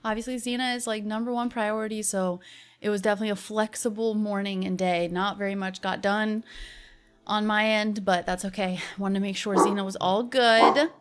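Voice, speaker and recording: A woman's voice: mid-range voice, steady tone, moderate pace, clear, resonant tone. A woman hosting a casual livestream, greeting viewers with playful, bubbly gamer-girl chattiness. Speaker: live streamer host. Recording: music behind the voice. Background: background music.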